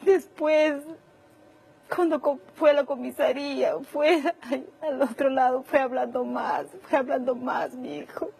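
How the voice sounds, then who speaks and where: A woman with a high voice gives emotional testimony in a television interview. She is distraught, circles back over the same words, and her voice keeps cracking into tears. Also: steady tone, a little slow, vocal fry, darkish tone, husky, poor audio. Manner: distraught, repeating herself, voice breaking into tears. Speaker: interviewee, a mother.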